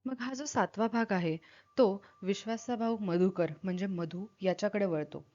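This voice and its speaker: A woman reading a novel aloud with expressive, dramatic delivery, then explaining it as a literature teacher. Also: medium pitch, normal speed, dull audio.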